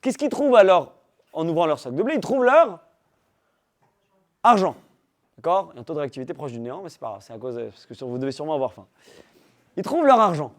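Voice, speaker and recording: A man teaching a religious class to young people, animated, firing rhetorical questions at the room and teasing his listeners. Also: on the high side, fast, long pauses. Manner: teasing humor with the audience. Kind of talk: lively religious class talk.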